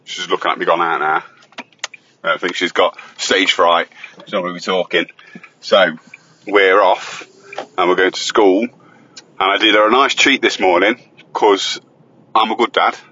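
A father hosts his own recording on the school run, chatting casually, joking and bantering from inside a car on the road. His low voice is steady, moderately paced, pushed and bright, with frequent pauses. Captured on a phone voice recorder, the audio has its highs cut off and a little hiss or hum.

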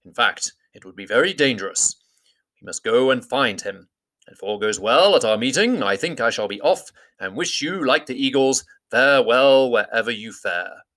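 A man's voice: medium pitch, animated, normal speed, fairly bright tone, close to an everyday voice. A man voicing a wise, commanding old male wizard in a storybook reading, with grand formal speech. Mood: grave.

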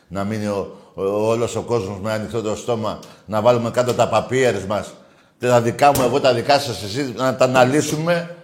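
A man hosting a call-in radio show, blunt and crude, going from low grumbling to loud mocking rants.

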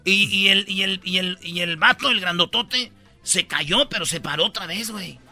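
A man's voice: sits high, normal speed, sharp tone, soft background music. A man hosting a comedy radio show, telling stories rowdily with slang and sound effects. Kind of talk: joking radio banter.

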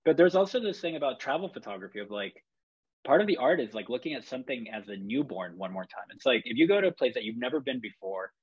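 A man's voice: medium pitch, big pitch swings, quick pace, husky, lo-fi sound. A man from Chile, a photographer, talking in a rambling, reflective way with many fillers and restarts. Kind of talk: casual podcast chat.

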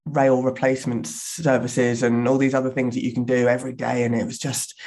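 A woman's voice: extremely low pitch, level tone, a little fast, mellow. A woman in her thirties from southern England with a Home Counties accent, chatting casually as a podcast guest. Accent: southern English, Home Counties. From England, born in west London, grew up in Surrey. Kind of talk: casual chat.

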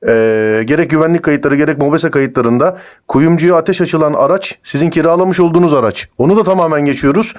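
A man posing as a crime investigator on a prank call, firing accusations at a fast clip. His voice sits a little high for a man, and he pushes hard with every question. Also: darkish tone. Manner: pushy, interrogating, rapid-fire.

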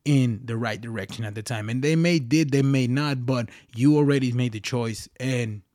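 The host of a solo podcast, a young man, talks casually at normal speed in a middle-pitched, slightly mellow voice, rambling, restarting sentences and using slang. The audio is close and dry, free of room echo.

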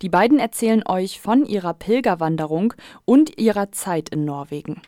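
A young woman presenting on student radio, calm and measured as she introduces a report. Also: mid-range voice. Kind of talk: radio moderation. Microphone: studio microphone.

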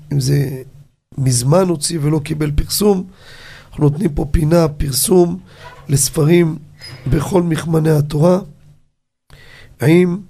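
Animated, gravelly-voiced rabbi on the radio. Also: male voice, on the high side. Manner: animated, asks rhetorical questions, tells anecdotes. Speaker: rabbi teaching on a radio show.

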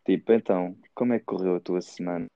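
A man's voice: sits low, fairly even intonation, fast talker, dry recording. A young man with a European Portuguese accent co-hosting a podcast with casual, slangy, laid-back interjections. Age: young adult. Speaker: podcast co-host. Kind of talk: casual banter between friends. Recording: dull, dry close sound.

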